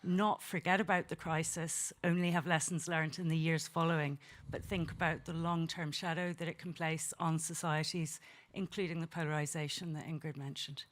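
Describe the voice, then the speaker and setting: A woman from Belfast, giving measured conference remarks from the floor, with frequent ums and uhs. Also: deep voice, level tone. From Belfast, Northern Ireland. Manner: measured, with frequent 'um' and 'uh' fillers. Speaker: head of a human rights network, speaking from the floor.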